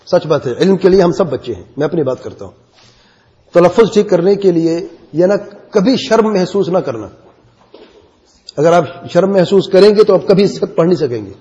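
A man's voice: sits high, expressive, dark tone. A man teaching a class, explaining patiently and encouraging his students. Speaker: religious teacher. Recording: dull audio in a reverberant hall.

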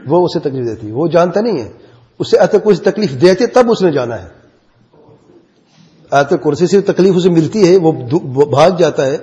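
A man's voice: sits high, mellow. A man teaching a class, explaining patiently and encouraging his students. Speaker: religious teacher. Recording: dull audio in a reverberant hall.

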